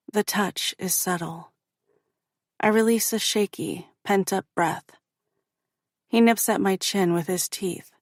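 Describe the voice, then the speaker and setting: An audiobook narrator, a woman with a fairly low, creaky voice, reads slowly through a scripted first-person romance. The recording is dry, with clean studio sound.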